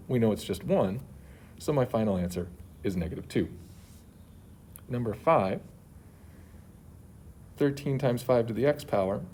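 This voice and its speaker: At a school, a male math teacher walks through homework solutions step by step in a warm, mid-range voice. A face mask slightly muffles him, and faint background noise can be heard.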